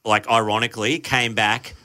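Male, broad Australian accent, bright forceful voice, blokey rambling podcast banter. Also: medium pitch, fairly even intonation, moderate pace. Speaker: comedy podcast host. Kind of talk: casual comic chat.

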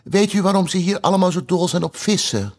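A man's voice: high voice, expressive, brisk, darkish tone, voice pushed up. A man voicing a polite, slightly nervous young girl in a storybook reading. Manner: polite, hesitant.

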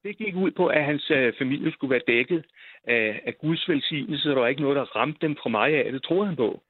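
A man's voice: mid-range voice, lively intonation, dry recording. An older man telling a personal story in a rambling way, full of hesitations and repeated words. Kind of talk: casual storytelling. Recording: tinny phone line.

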